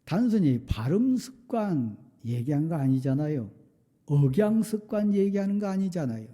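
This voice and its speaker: A middle-aged man preaching from the pulpit, his slightly high voice carrying a very dark, mellow color. He presses rhetorical questions with force, then softens into quiet confession. It is a pastor's sermon delivery throughout. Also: very animated, moderate pace. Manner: emphatic preaching with rhetorical questions, dropping to soft confessional tones. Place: church sanctuary.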